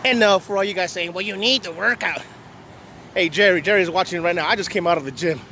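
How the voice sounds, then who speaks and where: A man's voice: high-pitched, fast, pushed and bright. A man, out of breath while walking outdoors and vlogging, talking in a blunt, combative way. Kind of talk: walking vlog. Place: outdoors at a park beside a long line of cars. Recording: faint street noise outdoors.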